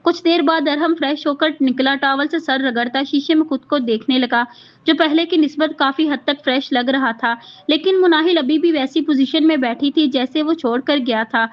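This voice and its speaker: High-voiced woman reading a novel. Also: normal speed, dull audio. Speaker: novel narrator. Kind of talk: reading a romance novel aloud.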